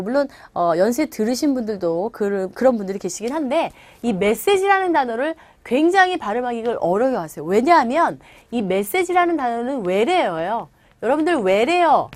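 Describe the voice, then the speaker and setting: Lively, chatty woman teaching English. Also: on the high side, dry recording. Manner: chatty and encouraging, drills pronunciation. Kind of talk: recorded English lesson.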